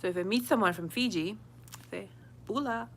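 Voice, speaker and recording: A woman's voice: on the low side, a little fast, a little hiss or hum. A young woman hosting a casual livestream, chatting with viewers, answering comments and laughing often. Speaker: livestream host. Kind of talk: casual live chat with viewers.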